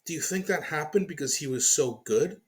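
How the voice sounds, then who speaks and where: A man's voice: fairly high pitch, lively intonation, brisk. A man hosting his own commentary channel, ranting in disbelief and swearing freely as he reacts to a clip, then winding down to sign off to his viewers. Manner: exasperated, swearing, incredulous.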